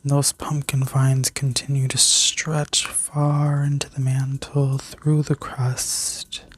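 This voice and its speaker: Slow, breathy whispering woman, sleep-story ASMR narrator. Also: very deep voice, flat delivery. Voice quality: breathy, mostly unvoiced whisper. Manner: soothing, slow, gently instructing. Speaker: ASMR reiki healer and video host.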